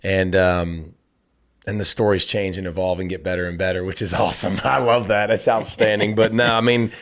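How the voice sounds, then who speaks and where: Animated middle-aged man, low voice. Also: fairly quick. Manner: lively, repeats words, acts out quotes with rising pitch. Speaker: podcast co-host and dad. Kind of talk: casual conversation.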